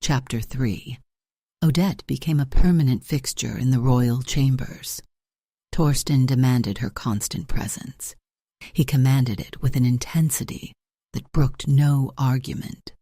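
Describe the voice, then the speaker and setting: A male narrator reads a romance audiobook with steady, dramatic delivery. His tone is dark and mellow, and the recording is dry and close. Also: medium pitch, a little slow, no echo.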